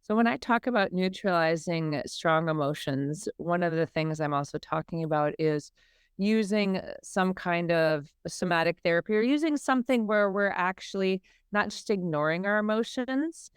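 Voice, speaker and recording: Podcast guest: woman from Minnesota, lowish smooth voice, dry close mic, explanatory. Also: expressive, moderate pace, dry recording. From Minnesota, USA. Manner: warm explanatory, acts out inner voices. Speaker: guest, emotional healing coach. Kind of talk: podcast interview.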